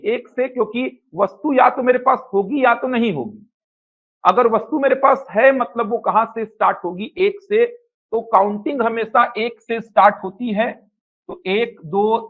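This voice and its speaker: A man teaching a live online math class, who asks questions and answers them himself, with a Chhattisgarh Hindi accent. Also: high voice. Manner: repetitive, asks and answers his own questions. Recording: tinny phone-like sound.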